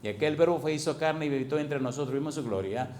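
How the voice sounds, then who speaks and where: A man's voice: a little high, fast talker, darkish tone. A man, a pastor, preaching a sermon that mixes a story with questions to the congregation. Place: church hall with congregation. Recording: echoey hall, faint background noise.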